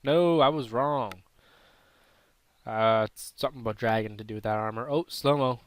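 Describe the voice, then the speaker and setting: A man's voice: mid-range voice, normal speed, no echo. A man with a throat irritation giving casual, unsure, self-correcting commentary while playing a mobile game. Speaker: gaming channel host.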